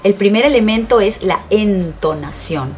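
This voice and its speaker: A woman hosting a voice and communication lesson, speaking in a clear, didactic way after warm greetings. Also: medium pitch, animated, a little slow, soft background music. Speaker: voice coach host. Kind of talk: scripted educational presentation.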